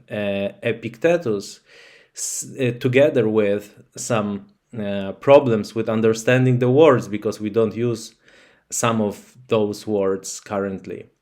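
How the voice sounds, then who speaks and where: A channel host whose first language is Polish speaks English to his viewers in a slow, casual talk to camera. He's thoughtful and hesitant, using many fillers. His voice is fairly low with a darkish tone.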